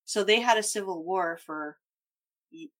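A woman's voice: mid-range voice, measured pace, poor audio. A woman in casual conversation, explaining things as a traveler recounting a trip.

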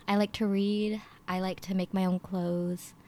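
Chatty young woman, relaxed podcast guest. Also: medium pitch, unhurried. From United States. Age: young adult. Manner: chatty, relaxed, lots of fillers. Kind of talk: casual podcast chat.

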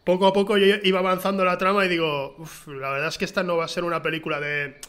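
Podcast co-host, man, animated storyteller, high and sharp. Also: quick pace. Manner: animated storyteller, acts out quotes. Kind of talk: casual chat about films.

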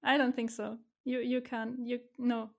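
A woman's voice: fairly high pitch, little pitch movement, moderate pace, vocal fry. Cheerful woman with a German accent. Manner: cheerful, laughs easily, restarts sentences. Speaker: guest, community organizer. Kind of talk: casual interview chat.

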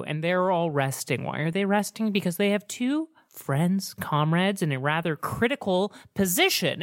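A woman narrating as game master of a tabletop role-playing game, casual and rambling. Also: low voice. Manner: casual, rambling, self-correcting.

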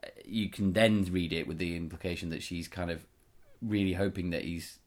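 A man's voice: low-pitched, steady tone, moderate pace. A man co-hosting a podcast, chatting eagerly about horror stories, trailing off and quoting lines aloud. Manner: enthusiastic, trails off and restarts, quotes lines aloud. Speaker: podcast co-host. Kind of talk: casual chat about horror fiction.

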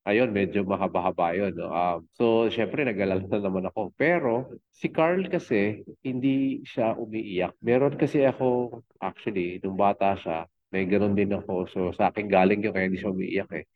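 A middle-aged man speaks as a guest, a fitness coach and father, in an easygoing interview. His voice sits low and comes through a tinny, narrow call line. He meanders, stacking fillers and restarting his sentences. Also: moderate pace. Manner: rambling, with many fillers and restarts. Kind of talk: casual interview talk.

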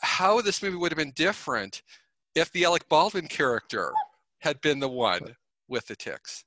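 A man hosting a casual film commentary, talking in halting bursts with many repeated words and restarts. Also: a little high, animated, sharp tone, no room sound.

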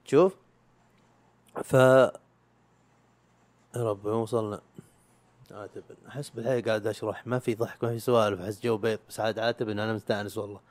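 A man's voice: on the low side, level tone, racing, a little mellow. A young man, chatting casually as a podcaster in a rambling, self-mocking way, with slang and swearing. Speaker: YouTube podcaster. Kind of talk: casual chat.

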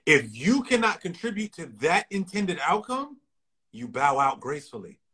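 A man hosting a podcast, giving energetic, preachy productivity advice full of rhetorical questions. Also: fairly high pitch, moderate pace, slightly rough. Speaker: podcast host. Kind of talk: casual podcast chat.

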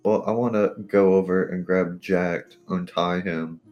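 A man's voice: deep voice, steady tone, measured pace, muffled recording. A man taking part in a tabletop game, casually describing and speaking for his character. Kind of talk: casual role-play chat. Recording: music playing behind.

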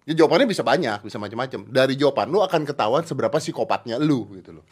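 A man's voice: mid-range voice, animated, rapid-fire, husky. A man hosting a podcast, teasingly laying out a riddle step by step. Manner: teasing quiz-master, sets up a riddle step by step. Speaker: podcast host. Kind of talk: casual chat.

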